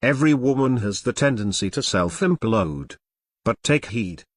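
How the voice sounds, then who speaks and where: A man reading an audiobook aloud in a wry, mock-grandiose way, with dramatic pauses, close to the mic. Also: medium pitch, animated, no echo. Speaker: audiobook narrator. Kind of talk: scripted narration.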